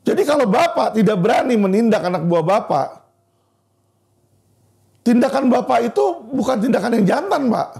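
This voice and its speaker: A heated male lawyer delivers impassioned commentary straight at an official, punctuating nearly every sentence with a pointed "Pak." His voice sits high for a man and carries a heavy gravelly fry. The phrasing leans toward speech. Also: animated, normal speed, long pauses, a little mellow. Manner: heated, repeatedly addressing "Pak" directly. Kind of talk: impassioned legal commentary video.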